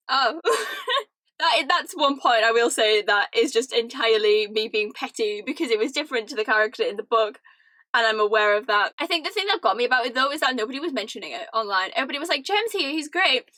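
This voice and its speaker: A young British woman ranting casually to camera, animated and laughing often, with lots of "like". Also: fairly high pitch, no room sound. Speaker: vlogger. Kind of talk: casual chatty rant to camera.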